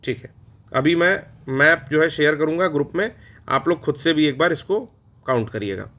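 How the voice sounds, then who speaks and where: A man's voice: a little high, normal speed, bright, forceful tone. A man teaching an exam-prep lecture, chatty and playful, answering his own questions in a mock student voice. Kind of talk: recorded online lecture.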